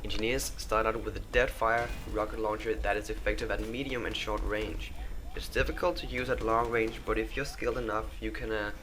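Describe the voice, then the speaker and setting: Low-voiced man narrating a game tutorial. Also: a little fast, few pauses. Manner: loose, self-correcting, joking asides. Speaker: gaming video host. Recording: steady background noise.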